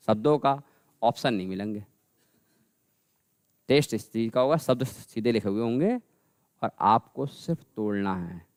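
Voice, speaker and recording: A man teaching a grammar lesson, repeating words slowly and calling his students "bhai". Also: medium pitch, clean tone, no room sound, studio quality. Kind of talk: classroom lesson.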